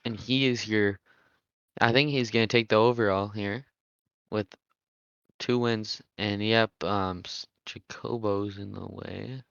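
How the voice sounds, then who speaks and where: A young man calls an online motocross race in a relaxed, chatty way, thinking aloud and laughing now and then. His voice sits a little low and sounds smooth and clear. The recording is dry and a bit dull, like a lo-fi close mic. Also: unhurried, no echo. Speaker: race commentator and server admin. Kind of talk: casual live race commentary.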